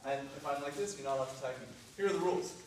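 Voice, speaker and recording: A man's voice: medium pitch, racing. A man leading a workshop, explaining a tag game in steps with an upbeat, playful manner and frequent laughs. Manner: upbeat, playful, laughing often while giving instructions. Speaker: workshop leader. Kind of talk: teaching a group game in a workshop. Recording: distant mic, echoey gym with noise.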